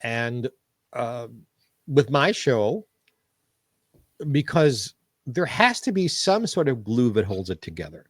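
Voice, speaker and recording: A man talking as a podcast guest in a casual interview, animated and opinionated as he tells stories. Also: mid-range voice, slow, pauses often, no echo, clean studio sound. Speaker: podcast guest, show business historian.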